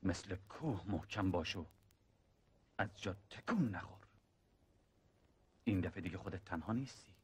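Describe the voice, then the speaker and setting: An actor playing a seasoned male soldier who calmly mentors a younger comrade and recounts the war. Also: sits low, breathy edge, full character voice. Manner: calm, measured storytelling. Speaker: older soldier in war film.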